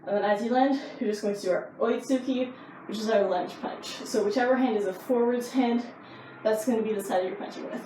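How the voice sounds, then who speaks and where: A woman explains karate drills in an informal, easygoing teaching style. Her voice is on the higher side. The sound is roomy and echoing, a bit distant from the mic, with faint noise. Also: fairly quick, dark tone. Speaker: karate instructor. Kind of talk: casual instructional explanation of techniques.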